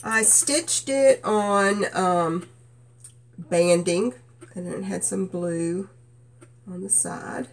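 Slow, nasal woman with a cold. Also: medium pitch. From Kentucky. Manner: gentle, unhurried, frequent "uh" fillers. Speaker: stitching vlogger. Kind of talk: casual show-and-tell chat.

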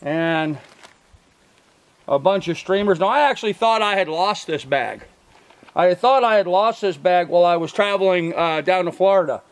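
A camera a few feet off records an older man by his truck in a field doing a relaxed show-and-tell of his fishing equipment. He talks at a moderate pace in a high-sitting voice, meandering, filling gaps with ums and uhs, and fixing his own slips.

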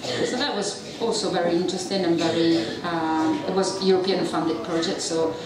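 A middle-aged Italian university researcher with a strong accent gives a chatty, self-deprecating public talk into a handheld mic. Her fairly low voice is steady and moderately paced. She's filmed from a distance in a dark, echoey venue with an audience present.

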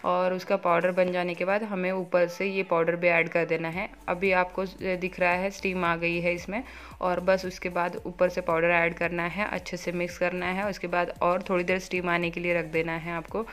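A woman in her thirties vlogging at home, talking quickly and chattily with many fillers as she cooks and does chores; her first language is Marathi. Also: on the low side, little pitch movement, a bit bright. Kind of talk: casual home vlog, cooking and chores.

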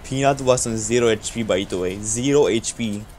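A man's voice: lowish voice, normal speed, a little mellow, slight background noise. A young man from Romania streaming a game, chatting casually with viewers in a laid-back, joking way with frequent laughs. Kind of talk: casual gameplay chat with viewers.

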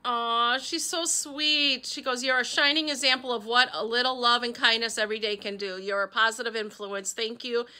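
Middle-aged woman vlogger from Wisconsin, high and bright voice, gushing casual chat. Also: steady tone, moderate pace, few pauses. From Wisconsin, USA. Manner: gushing, chatty, talks to her pet. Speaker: vlogger opening fan mail.

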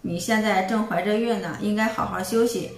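A woman's voice: mid-range voice, fairly even intonation, fairly quick, reverberant, far from the mic, natural voice. A woman voicing a selfish, calculating young husband in her own plain voice, dismissive in tone.

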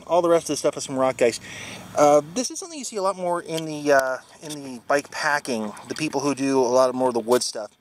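A Wisconsin man in his forties casually shows off his touring bike gear in a single take, rambling with plenty of fillers and self-corrections. He stands outdoors in a trailhead parking area, filming on a handheld action camera at arm's length. His voice sits on the high side, lively and brisk, with a little hiss or hum in the audio.

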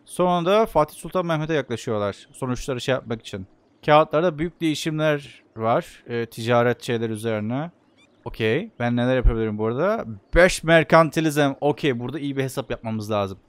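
A man giving casual let's play commentary on a strategy game, excitable and talking back to the game. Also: medium pitch, fairly quick, clear, resonant tone, dry recording. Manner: excitable, talks back to the game and swears at opponents. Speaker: video game player and commentator.

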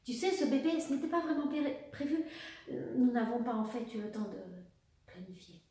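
A woman's voice: fairly high pitch, lively intonation, moderate pace, mellow. A defiant young woman, a daughter in love, as a woman reads her out in a storybook, stumbling over her words before she holds her ground. The voice rings through a very echoey room. It sits some distance from the mic. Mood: pleading. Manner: hesitant, stumbling then insistent.

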